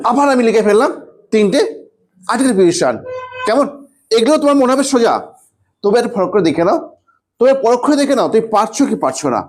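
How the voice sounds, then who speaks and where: A male English grammar teacher giving an online class, coaxing students with questions and repeating phrases slowly as he writes. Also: sits high, darkish tone. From West Bengal, India. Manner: repeats phrases slowly while writing on a board.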